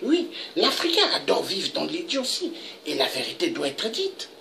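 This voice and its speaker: A woman's voice: huge pitch swings, normal speed, creaky, a bit bright, a little hiss or hum. A woman delivering an impassioned political monologue, emphatic and indignant. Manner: emphatic, indignant, with dramatic pitch leaps. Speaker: political commentator.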